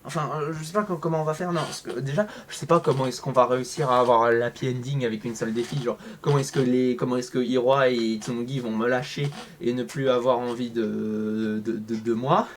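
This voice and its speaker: A man's voice: medium pitch, brisk, hardly any pauses, a little hiss or hum. A man playing a visual novel, reading its lines aloud and breaking off into sarcastic commentary. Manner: sarcastic, jumps between flat reading and loud outbursts. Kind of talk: casual let's-play commentary and reading. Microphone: home microphone.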